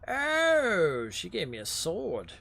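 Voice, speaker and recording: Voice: medium pitch, normal speed, a bit bright, slightly rough. A video game streamer giving casual commentary, thinking aloud and swearing.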